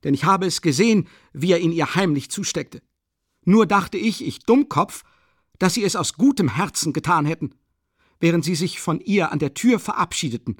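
Man doing a shrill, furious young idealist. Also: a bit bright, no room sound, studio quality. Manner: shrill, vehement, repeating himself. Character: young earnest indignant male idealist.

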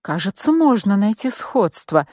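A woman's voice: medium pitch, sing-song, a little slow, darkish tone, dry recording, clean studio sound. A woman voicing a practical, skeptical female friend who makes plain, doubtful remarks in an audiobook.

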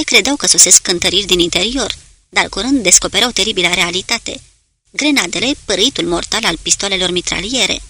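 Bright, gravelly woman narrating an audiobook. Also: fairly low pitch.

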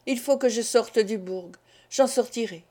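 A woman's voice: a little high, unhurried, mellow. A woman voicing a desperate young male count in a storybook reading, with anguished, fevered outbursts. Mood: distraught.

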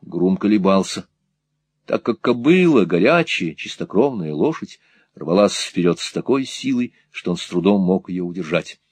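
A male audiobook narrator reads a classic novel in a measured, dramatic manner. His voice is deep and somewhat husky. The recording is close and dry, with no audible room. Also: lively intonation, darkish tone, dry recording.

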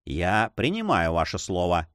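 A man's voice: low-pitched, wildly swooping pitch, unhurried, fairly bright tone, dry recording, studio quality, voice pushed down, exaggerated voice. A man voicing a cold, calculating spy in an audiobook, coolly polite and deferential. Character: cold, calculating male spy, greedy for gold. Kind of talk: audiobook reading.

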